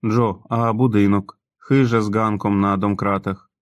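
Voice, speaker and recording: Reader doing a careful man, slow probing questions, low voice. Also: level tone, no room sound, close to an everyday voice. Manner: slow, gentle questioning with pauses.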